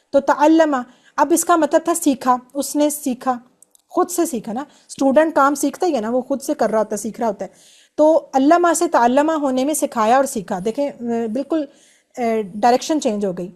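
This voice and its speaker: A woman's voice: sits high, darkish tone. A woman teaching an online grammar class, explaining patiently step by step and drilling verb forms.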